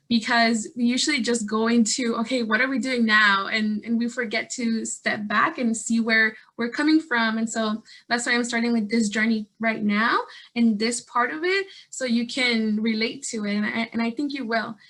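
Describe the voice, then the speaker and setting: Young woman from Guatemala, slightly high, bright voice, earnest presenter on a video call. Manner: earnest, animated, many fillers and restarts. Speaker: statewide organizer and guest speaker.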